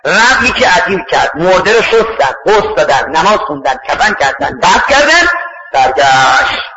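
Male preacher, high and bright, animated storytelling sermon, echoey lo-fi recording. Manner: animated, acts out voices in the story.

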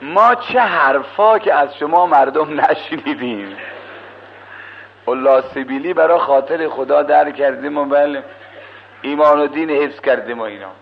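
A man, a cleric, telling a religious story in a lively, colloquial sermon, with asides to his listeners. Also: fairly high pitch, creaky, slight background noise. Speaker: cleric preacher. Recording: dull lo-fi old radio recording.

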